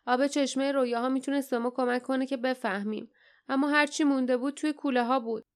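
A woman's voice: high voice, steady tone, smooth, voice pushed up, lightly acted. A woman voicing a brave young male hero who speaks earnestly and urgently.

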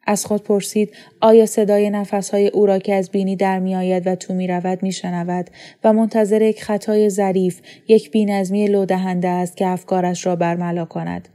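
A woman from Iran narrating a novel aloud in a calm, measured storytelling voice. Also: medium pitch. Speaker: audiobook reader.

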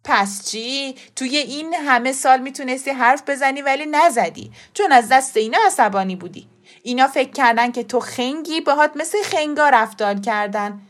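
مادربزرگ پیر و زرنگ با صدای یک زن. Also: female voice, high-pitched. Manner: brisk, coaxing and emphatic. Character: bold scheming grandmother, old woman.

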